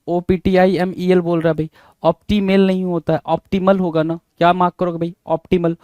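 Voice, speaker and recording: A man teaches English spelling, spelling out each word letter by letter and answering his own questions. His voice sits a little high for a man. The recording is dry and close, with no room sound. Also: darkish tone, smooth, no room sound. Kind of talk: spelling lesson.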